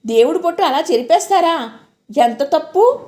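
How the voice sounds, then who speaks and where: A woman's voice: high-pitched, lively intonation, normal speed, a little mellow, voice pushed up. A woman doing a stern pious mother-in-law. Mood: scolding. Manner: scolding, stern.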